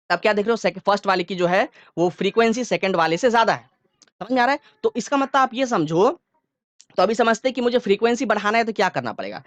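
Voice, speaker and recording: A man's voice: high voice, fairly bright tone, no echo. Male science teacher, patient step-by-step explainer, keeps asking if students follow, dry close mic. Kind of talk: classroom lecture.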